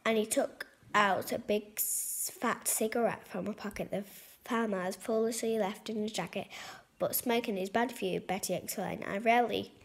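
A woman's voice: mid-range voice, fairly even intonation, moderate pace, creaky, few pauses, slight background noise. A woman reading a rhyming picture book aloud, stumbling and restarting on some words.

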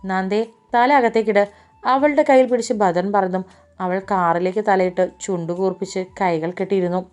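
A woman narrating a romantic audiobook story, steady and expressive. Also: medium pitch, fairly quick.

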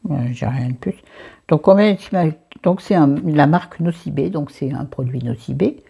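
A woman's voice: sits low, moderate pace, vocal fry, dark tone, husky. A French-accented woman chatting through a makeup haul, dropping into whispered asides and scolding herself by name. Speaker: beauty vlogger.

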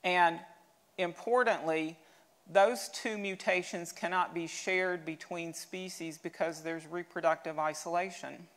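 A woman museum curator giving a steady, explanatory slide lecture, with an occasional restart. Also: lowish voice, unhurried.

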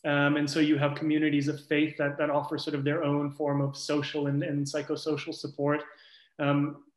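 On an academic panel, a man with a slightly high, flat voice talks through his research at a moderate pace. He's thoughtful and loose, often searching for the right words, and the room sounds echoey.

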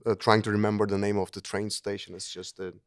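A middle-aged man talks earnestly as an interview guest, often backing up to restart a phrase. His voice sits fairly low and sounds smooth and resonant. The recording is close and dry, with no room sound. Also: level tone, fast, no echo. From Turkey. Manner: earnest, with frequent restarts and repeated words. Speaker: guest, engineering professor. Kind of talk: conversational interview.

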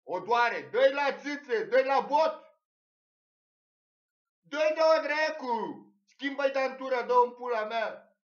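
A man playing an excited boy shouting crude encouragement at a fight, in a frantic, shouting manner. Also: high-pitched, pitched above the performer's own voice, close to an everyday voice. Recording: echoey room, dull lo-fi sound.

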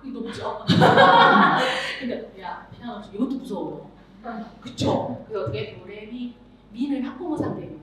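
A middle-aged woman teaching music to teachers at a seminar, animated, acting out voices and singing examples. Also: on the high side, measured pace, a crowd in the background. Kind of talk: lively seminar lecture to teachers. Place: large lecture hall with audience. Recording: echoey hall, speaker far off, audience noise.

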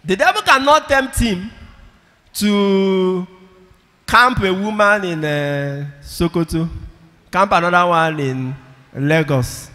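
Man, priest preaching, slightly high voice, long church reverb, emphatic repetitions. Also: takes it slowly, pushed and bright. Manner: emphatic, repeats key phrases, calls for audience responses. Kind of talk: sermon. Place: large church with congregation. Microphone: handheld microphone.

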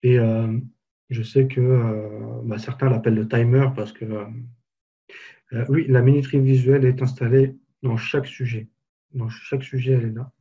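A man giving a live software tutorial webinar, casually explaining each step as he clicks through it. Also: medium pitch, flat delivery, moderate pace, husky, muffled recording. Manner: casual, explanatory, walks through steps on screen. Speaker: software trainer.

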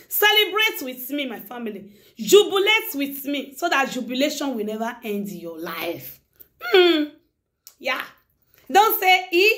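A woman's voice: high voice, a bit bright. A middle-aged woman YouTuber speaking to her viewers in a casual monologue. She is emphatic and preachy and keeps repeating phrases.

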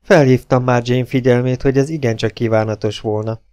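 A man voicing an elderly, fussy and excitable male professor in an audiobook, exclaiming with drawn-out words. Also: mid-range voice, smooth, close to an everyday voice.

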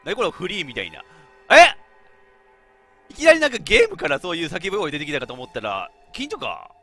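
A man's voice: high voice, brisk, faint music behind. A man with a giving chatty, laughing let's-play commentary as a game streamer. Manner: animated, chatty, laughs often, talks to himself.

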